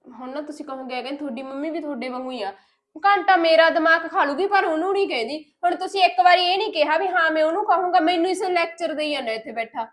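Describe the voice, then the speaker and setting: A high, quick voice belongs to a defiant young wife who shirks every chore and snaps back at everyone, played by a woman. The speech comes fast and pointed, with a bickering tone in a homespun family drama. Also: natural voice. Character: lazy, sharp-tongued young wife. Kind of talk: village family drama acting.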